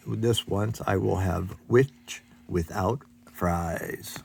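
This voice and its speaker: Picture-book dragon, mean and boastful, rhyming lines, gravelly older man reading. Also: low-pitched, drawn-out words, a little mellow, slight background noise, pitched below the performer's own voice, exaggerated voice. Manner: sing-song rhyming read-aloud. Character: mean boastful male dragon, later cowed.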